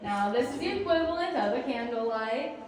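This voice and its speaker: A woman's voice: a little high, lively intonation, a little fast, a little hiss or hum. An American woman working as a tour guide, narrating to a group and putting questions to them, her voice echoing in a cave. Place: inside a cave on a vehicle tour. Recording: echoing cave, distant voice, people around.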